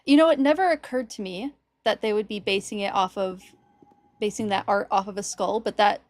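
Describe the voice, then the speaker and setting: A woman's voice: medium pitch, a little fast, no room sound. A woman hosting a livestream, chatting casually and cheerfully with viewers while she plays a cozy game. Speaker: livestream host.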